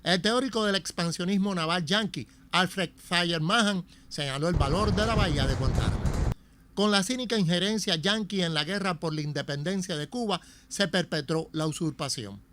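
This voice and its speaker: A man's voice: high voice, normal speed, a bit bright, slight background noise. A man with a Cuban Spanish accent reading documentary narration in a solemn, emphatic way.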